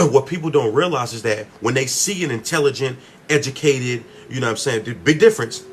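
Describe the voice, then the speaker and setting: A man speaking on a phone livestream at a middle pitch, with a faint hiss behind him. He talks casually but forcefully, emphatic and preachy, pressing every point home. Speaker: livestreamer answering comments.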